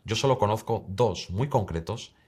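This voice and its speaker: Low-voiced male English teacher. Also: expressive, moderate pace, darkish tone, husky. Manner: direct, addresses the listener, models English words. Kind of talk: scripted online lesson.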